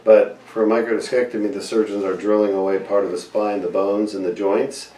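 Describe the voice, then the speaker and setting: A surgeon interviews his patient and explains procedures plainly, speaking straight to viewers. His low, mellow voice stays fairly flat in pitch and runs a little fast. A distant mic in an echoey room picks him up, with a slight hiss or hum.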